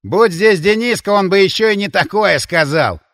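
A man voicing a loud, sarcastic male drinking companion who lectures his friends. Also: high-pitched, animated, normal speed, no echo, studio quality, voice pushed up. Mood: rowdy. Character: brash loud male bar companion, mocking.

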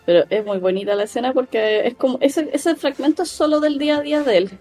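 A woman's voice: sits high, quick pace. Chilean woman retelling a film, faint music. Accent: Chilean Spanish. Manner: animated storyteller, acts out quoted lines. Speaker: podcast co-host. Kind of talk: casual chat, retelling a film scene.

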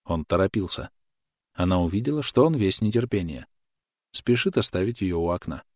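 A man narrating an audiobook in a measured, expressive way. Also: sits low, no echo, studio quality.

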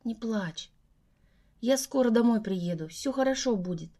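A woman reads a young man blinded by his wounds, speaking low and unhurried. His voice stays a hushed, gentle murmur, with an edge of tension under it, in an audiobook. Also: lively intonation, heavily acted. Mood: soothing. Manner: soft, low, soothing murmur.

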